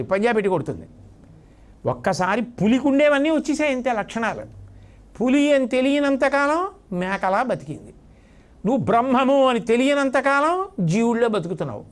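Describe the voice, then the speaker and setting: A man giving a devotional sermon, telling a story vividly and repeating words for effect. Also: extremely high pitch. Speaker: spiritual discourse speaker.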